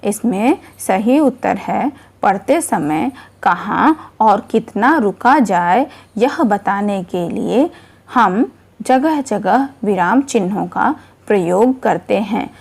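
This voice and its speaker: A woman's voice: mid-range voice, expressive, takes it slowly, vocal fry, a little mellow, husky. A woman teaching a children's grammar lesson, explaining patiently step by step.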